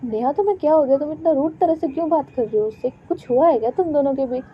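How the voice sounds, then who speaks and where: A woman's voice: fairly high pitch, a little fast, dull audio, slight background noise, lightly acted. A woman voicing a caring, fussy middle-aged mother who coaxes and scolds, in a storybook reading. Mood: scolding. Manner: warm but scolding, motherly.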